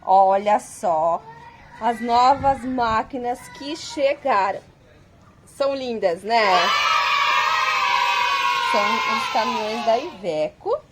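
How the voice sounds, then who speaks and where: A woman presenting a toy unboxing for children with a bright, sing-song welcoming manner. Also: fairly high pitch, takes it slowly, long pauses, over a noisy crowd, heavy background noise. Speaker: host of a children's toy channel.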